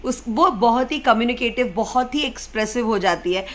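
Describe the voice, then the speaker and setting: A woman's voice: fairly high pitch, a bit bright. A woman in her thirties, a mother chatting casually to camera in a vlog, mixing in English phrases and hurrying along. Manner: hurried, wrapping up quickly. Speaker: parenting vlogger and mother.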